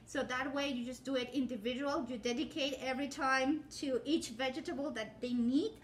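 A woman in her thirties with a high voice talks through a cooking demonstration. She rambles in a chatty way, with fillers and restarts. She is recorded in a home kitchen on a camera on the counter, with a faint hum of ambience behind her. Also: steady tone, fairly quick. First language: Spanish. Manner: chatty and rambling, with many fillers and self-corrections. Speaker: home cooking channel host. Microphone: phone or camera set up on the counter, framed from the waist up.

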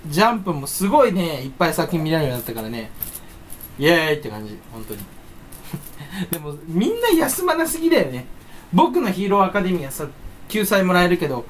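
Man, stuffy nose, solo channel chatter, playful and jumpy, lively pitch swings. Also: a little hiss or hum. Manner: playful, rambling, breaks into silly voices. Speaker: YouTuber. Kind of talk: casual solo chat.

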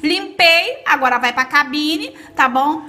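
A woman's voice: sits high, moderate pace, fairly bright tone. A woman from Brazil giving a casual, hands-on nail tutorial, chatty and reassuring with her viewers, recorded on a phone at a salon table. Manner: chatty, reassuring, addresses viewers as girls and friends. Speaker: nail technician instructor. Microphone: phone camera.

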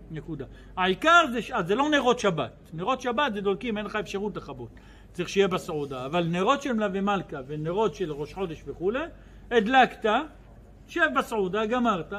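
High, lively, bright-voiced male lecturer. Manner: lively storyteller who acts out dialogue in his stories; addresses the audience directly with questions. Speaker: religious lecturer. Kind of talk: Torah lecture with humorous stories.

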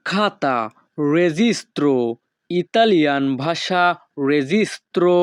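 A man teaching vocabulary in a slow, repetitive drill, saying each word and then its meaning. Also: on the high side, animated, smooth, dry recording. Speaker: language teacher.

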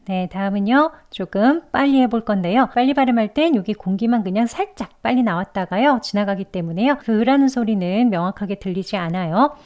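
A woman teaching English pronunciation in a patient, explanatory way, demonstrating each sound slowly and repeating it. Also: medium pitch, expressive, a little mellow, dull audio. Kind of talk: pronunciation lesson.

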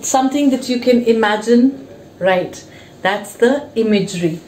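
A woman, teaching a whiteboard revision lesson in a classroom, explaining slowly and answering her own questions, filmed on a fixed camera mic as she moves about. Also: a little high, darkish tone. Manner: slow, explanatory, asks questions and answers them. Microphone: fixed camera mic, moves toward and away from it. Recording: echoey room, faint background hiss.

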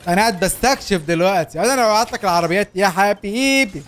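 A young man with an Egyptian Arabic accent, hosting a gameplay video in a fast, laughing banter. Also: sits high, a little hiss or hum. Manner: animated, laughing, quick banter. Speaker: gaming YouTuber. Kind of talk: excited gameplay chat.

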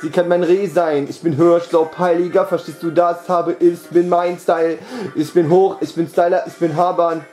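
A man's voice: fairly high pitch, level tone, moderate pace, mellow. A man freestyle rapping over a beat in a rambling, boastful chant, looping the same catchphrases again and again. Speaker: amateur rapper. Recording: echoey room with faint music.

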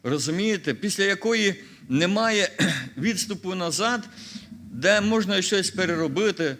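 Man pastor preaching, pretty high voice, keeps asking the room questions, gets loud and punchy on key words, clears his throat sometimes. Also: expressive, a little slow. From Ukraine. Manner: asks the congregation rhetorical questions and rises to emphatic, louder stresses; clears throat now and then. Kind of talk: sermon.

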